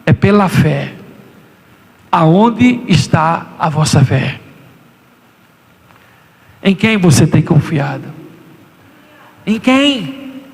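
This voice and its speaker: A male pastor preaches a sermon in a notably high voice, driving hard and leaping upward whenever he acts out a quote. His words ring out with the long reverb of a church hall. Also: animated, slow pace, vocal fry, pauses often, darkish tone. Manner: impassioned preaching with sudden high-pitched acted quotes.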